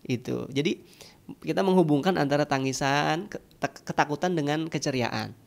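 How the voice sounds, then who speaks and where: A man's voice: on the high side, moderate pace, creaky. A man who is a children's storyteller, explaining in a podcast conversation. He talks animatedly and uses sound effects.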